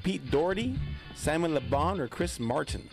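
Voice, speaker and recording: A man's voice: fairly high pitch, animated, normal speed, vocal fry, low-quality recording. A man hosting a comedic trivia quiz, making theatrical, punchy announcements over music. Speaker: game show host.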